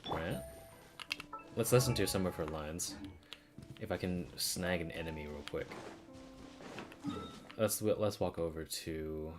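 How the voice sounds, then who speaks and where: Animated, low-voiced man chatting casually. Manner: animated, sweary. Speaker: streamer reviewing game voice dubs. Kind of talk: casual opinionated chat.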